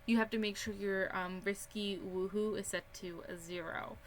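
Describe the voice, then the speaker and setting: A woman's voice: medium pitch, fairly even intonation, moderate pace, slight background noise. A young woman casually touring a house she built in a life-simulation game, rambling and chatty with lots of ums. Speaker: Sims gaming YouTuber. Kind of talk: casual game build tour.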